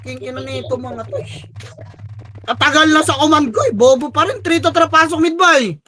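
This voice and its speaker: High bright man barking game calls. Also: soft background music. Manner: barks rapid repeated callouts, swears when frustrated. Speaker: squad leader calling commands. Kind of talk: shouted game commands to a team.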